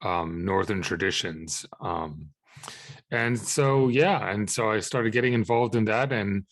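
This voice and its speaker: A man in his thirties from Israel, a podcast guest answering questions in a halting way with many fillers and restarts. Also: lowish voice, no echo. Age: 30s. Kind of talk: conversational interview answers.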